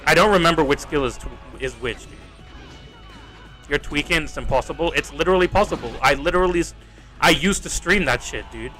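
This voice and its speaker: A young Australian man livestreams a mobile game, chatting casually to viewers in a rambling, exasperated way, swearing and repeating himself. His voice is a little high and bright, forceful in tone and a little fast, with faint music behind him on a low-quality recording.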